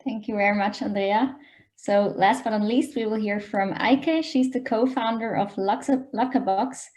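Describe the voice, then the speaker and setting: A woman moderates a startup panel. She introduces each speaker and moves to the questions politely and in order. Her voice sits at an ordinary middle pitch. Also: fairly even intonation, normal speed, a little mellow.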